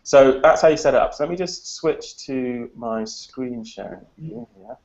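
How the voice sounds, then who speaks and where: A man explaining and demonstrating a music device in a relaxed, thinking-aloud way, captured in a screen recording of a video call. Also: medium pitch, normal speed, gravelly, highs cut off, slight background noise. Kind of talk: informal demo on a video call. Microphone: computer mic on a video call.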